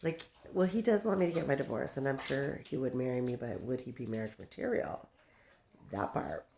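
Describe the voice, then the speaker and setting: Her voice is a gravelly, slightly mellow bass, a little fast, over a bit of hiss or hum. She's a woman in her fifties who vlogs, chatting casually to camera, laughing frequently, hopping from story to story, and using baby talk with her dog.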